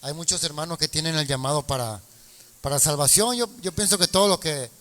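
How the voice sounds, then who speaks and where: A man's voice: a little high, a little fast, sharp tone, big-room sound. A man giving his view as a guest in a church panel discussion, hesitant at first, then emphatic.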